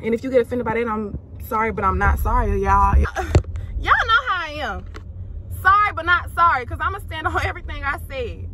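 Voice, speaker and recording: A woman's voice: high-pitched, brisk, noisy background. A young adult woman vlogger chatting casually from a car, blunt and emphatic, with slang and laughs. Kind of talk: casual chat. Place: inside a car.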